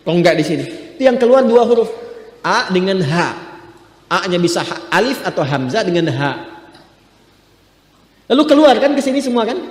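A high-pitched man leads a class through drills on Arabic letters, repeating each sound over and over and chanting verses. His voice rings out in a roomy hall with a long, trailing reverb. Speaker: Quran recitation teacher.

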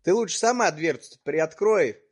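A man's voice: fairly high pitch, animated, normal speed, husky. A man improvising a prank phone call in a coarse, slangy, taunting way. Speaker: prank caller.

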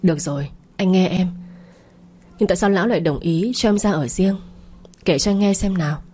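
A woman's voice: on the low side, brisk, dark tone, slightly rough. A woman voicing a jealous, coarse young male lover who wheedles and accuses in an audio story. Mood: jealous wheedling.

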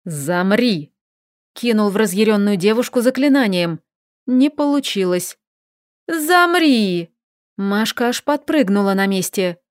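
A woman giving a lively, expressive scripted narration of a fantasy novel. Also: mid-range voice, normal speed, no echo, clean studio sound. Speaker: audiobook narrator.

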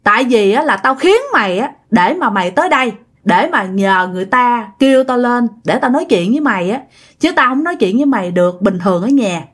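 A woman voicing the stern, all-knowing spirit of a dead old mother speaking through a medium, blunt and repeating herself. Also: on the high side.

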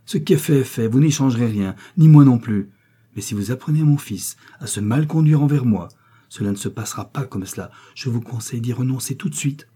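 A man's voice: mid-range voice, fast, hardly any pauses, slightly rough. A man playing a stern young mother. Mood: cold disdain. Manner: gentle turning stern. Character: young mother, gentle but firm.

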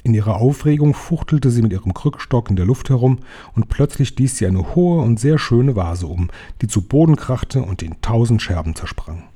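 Husky, dark-voiced man reading a story. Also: mid-range voice, lively intonation, normal speed. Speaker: reader. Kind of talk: reading a children's book aloud.

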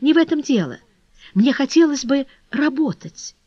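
A woman voicing a gentle young noblewoman. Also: high voice, sing-song, moderate pace, no room sound, pitched above the performer's own voice. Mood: earnest. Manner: gentle, earnest, composed. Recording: dull dry lo-fi recording.

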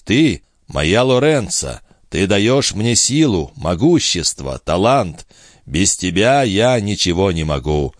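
A man voicing Balsamo, a proud, ambitious man who speaks in a measured, soothing way in an audiobook reading. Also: low voice, no echo, studio quality. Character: ambitious man, calm, proud, tender but cool.

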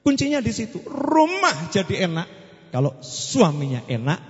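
Joking high-voiced preacher with a Javanese accent. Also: male voice, huge pitch swings, moderate pace. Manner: joking, asks the audience questions, mixes in Javanese phrases. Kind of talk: humorous sermon to a congregation. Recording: dull lo-fi sound with long hall reverb.

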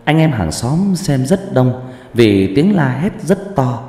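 A man narrating a first-person ghost story in an expressive, dramatic way. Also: mid-range voice, slow. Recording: echoey room, faint background music.

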